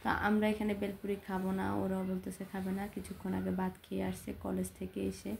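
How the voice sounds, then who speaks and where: Flat, gravelly woman narrating a vlog. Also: mid-range voice, fairly quick, a little hiss or hum. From Bangladesh. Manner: flat, conversational storytelling. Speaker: vlogger. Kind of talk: voice-over narration of a family outing.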